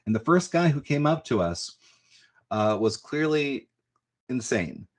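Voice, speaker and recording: A man's voice: mid-range voice, big pitch swings, measured pace. A man, a guest illustrator telling chatty anecdotes in a podcast interview. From New York. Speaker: guest comic book illustrator. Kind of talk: casual storytelling in a podcast interview.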